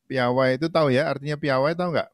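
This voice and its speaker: A man hosting an online Bible school class, speaking in an encouraging but halting way. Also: mid-range voice, fairly even intonation, no echo, clean studio sound. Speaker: class host. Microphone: video call.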